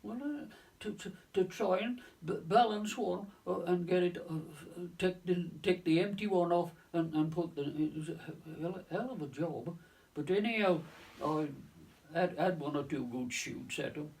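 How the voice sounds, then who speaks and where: A man in his nineties, a navy veteran, shares memories of wartime service for an oral history, speaking in a high, gravelly voice that's a little mellow. He stops and starts, repeats himself, and relies on phrases like "of course" and "lo and behold," and his voice sounds far from the microphone.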